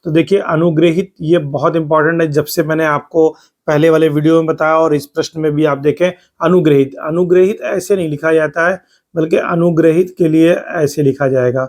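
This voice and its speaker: Man, exam teacher, fairly high voice, step-by-step slide lesson, repeats words slowly. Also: steady tone, a little mellow. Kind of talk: spoken lesson over slides.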